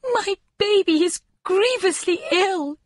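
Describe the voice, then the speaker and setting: A woman's voice: very high-pitched, animated, slow, no room sound, clean studio sound, pitched above the performer's own voice, exaggerated voice. A woman voicing a desperate young mother who is sobbing as she begs. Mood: distraught.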